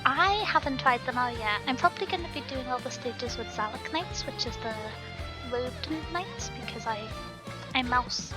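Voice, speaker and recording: A woman's voice: high-pitched, expressive, normal speed, over loud music. A woman chatting casually to viewers on a game livestream in a cute, bubbly, giggly anime-streamer manner.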